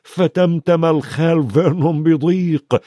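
A man narrating a storybook in an expressive, varied reading. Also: fairly high pitch, normal speed, no room sound, studio quality. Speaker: audiobook narrator.

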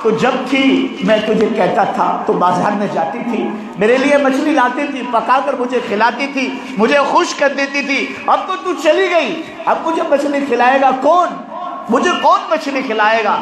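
A man voicing a young boy who cries and shouts for his dead mother in a story within a sermon. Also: very high voice, few pauses. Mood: wailing grief. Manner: wailing, shouted pleas. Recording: echoey hall with crowd.

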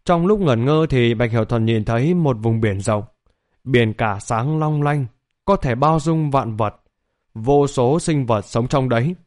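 A man's voice: medium pitch, a little mellow. Man narrating a fantasy audiobook. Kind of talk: scripted story narration.

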